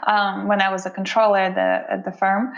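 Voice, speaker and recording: In a conversational interview, a Russian guest with a Russian accent looks back on her career in a level, mid-range voice. She takes her time, using fillers and restarting sentences, and the audio is dull.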